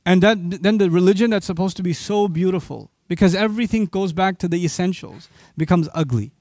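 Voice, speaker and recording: A man's voice: high-pitched, a little fast, a little mellow, no room sound, clean studio sound. A man from Pakistan giving an impassioned sermon, often putting rhetorical questions to his audience. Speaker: Islamic preacher.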